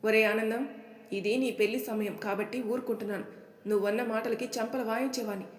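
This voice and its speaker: A woman's voice: fairly high pitch, steady tone, brisk, natural voice. A woman voicing a middle-aged maternal uncle who is affectionate and scolding, speaking in a fond, chiding way. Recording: echoey room with long reverb.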